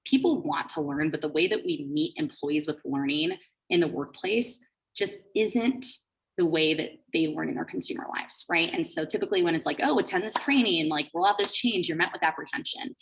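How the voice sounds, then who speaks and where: In a low-quality recording, a woman with a low-pitched voice speaks a little fast. She's a startup co-founder from Switzerland and the Bahamas giving a guest presentation, and her informal explanations are sprinkled with "like" and "you know."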